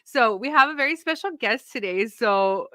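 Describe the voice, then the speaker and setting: A woman in her thirties hosting a podcast, animated and laughing as she tells stories. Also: fairly high pitch, normal speed, no echo, clean studio sound. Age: 30s. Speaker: podcast host and founder. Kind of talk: casual podcast chat.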